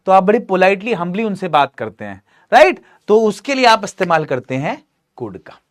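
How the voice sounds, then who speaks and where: A man teaching a grammar lesson in a lively, joking way, often asking his students questions. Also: high voice.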